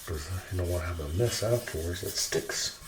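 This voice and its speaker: A man hosts an ASMR cooking video in a kitchen, narrating casually and chatting playfully to himself as he works, his low voice moving at a moderate pace. The room echoes, and loud clatter fills the noisy background: clicks, dishes, cutlery and pans.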